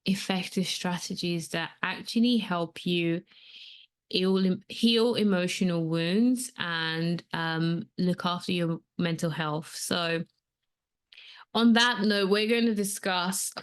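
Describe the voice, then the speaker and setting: A woman's voice: on the low side, slow pace, clean tone. A woman in her thirties, born in Nigeria, hosting a solo podcast in an earnest, conversational way with frequent fillers. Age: 30s. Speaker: podcast host and coach. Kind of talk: casual solo podcast talk.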